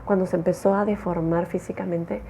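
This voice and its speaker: Chatty woman telling a true crime story, gravelly mellow voice, faint noise behind. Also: fairly low pitch, brisk. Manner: chatty, expressive, acts out quotes.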